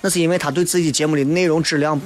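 High-pitched, fast-talking Shaanxi-accented male radio host. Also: steady tone, soft background music. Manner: colloquial, opinionated, emphatic. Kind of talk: casual radio chat, reading listener messages.

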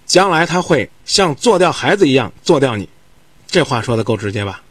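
A man's voice: mid-range voice, big pitch swings, fairly quick, fairly bright tone, recorded from a distance. A man hosting a call-in advice radio show, talking to the caller in a blunt, lecturing way.

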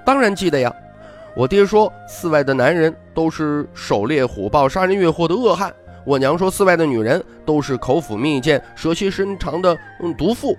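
A naive little girl who fancies herself a heroine, chirpy and blunt, as a man reads her part. Her voice sits high and bounces lively from word to word. Faint music plays under the storybook reading. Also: normal speed, close to an everyday voice. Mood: matter-of-fact. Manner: chirpy, blunt, playfully bossy.

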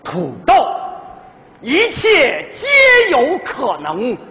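A man's voice: extremely high pitch, huge pitch swings, fairly bright tone, heavily acted. A doting, boastful father. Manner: boastful, theatrical, drawn-out slogans. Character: doting, clueless middle-aged father. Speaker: father in a stage sketch. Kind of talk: stage comedy sketch. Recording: reverberant stage hall.

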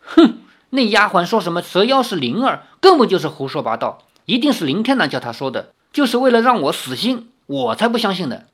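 A brash young swordsman talks in quick, lively bursts, as an audiobook reader puts him on. He is blunt and hot-headed, flipping between complaint and pleading. The voice rises and falls with animated energy across a storybook reading. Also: medium pitch, voice pushed up. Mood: angry.

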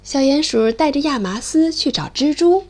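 A woman narrating a children's storybook in an expressive, sing-song way. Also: high voice, moderate pace.

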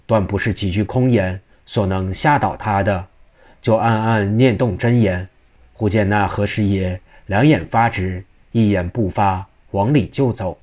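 A man reading a classical novel aloud as a storyteller, in steady narration. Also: lowish voice, a little slow, highs cut off.

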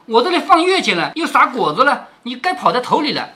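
A man reading aloud voices a sharp-tongued, sickly young maidservant who scolds the younger maids in a raised, shrill voice. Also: very animated, fast talker, heavily acted. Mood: scolding.

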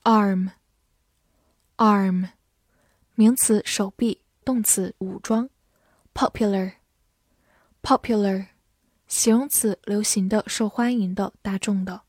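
A woman teaching English vocabulary, saying each word twice and then listing its meanings in a measured reading. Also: medium pitch, fairly even intonation, darkish tone, dry recording, studio quality.

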